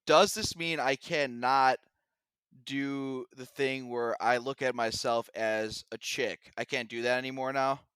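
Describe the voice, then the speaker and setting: A young man on a podcast, talking in a bright, clean voice with a dry, close sound. He chats casually and gets animated, sometimes putting on mocking rants. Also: medium pitch, unhurried, smooth, no echo. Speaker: podcast co-host. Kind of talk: casual chat.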